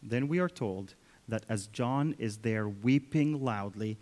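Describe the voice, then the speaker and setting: A man's voice: lowish voice, takes it slowly, a little mellow. Man preaching in a reverberant church. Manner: storytelling, often speaking to the children directly. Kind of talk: sermon. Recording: long reverb of a church hall.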